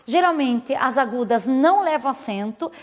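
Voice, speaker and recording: A woman's voice: sits high, expressive, moderate pace, in a large hall. A woman teacher who speaks natively, explaining grammar rules patiently in a recorded video lesson and checking in with her students. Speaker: Spanish teacher.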